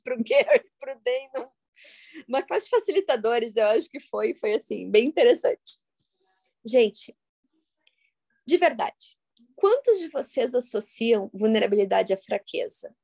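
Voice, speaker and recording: Animated woman storyteller. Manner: animated, jokey storytelling with sudden loud high bursts. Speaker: workshop facilitator. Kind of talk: live talk to an audience.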